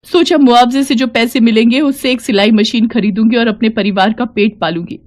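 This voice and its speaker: A woman voicing a poor, grieving middle-aged mother who pleads quickly in a raised voice. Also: on the high side, voice pushed up, lightly acted. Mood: pleading.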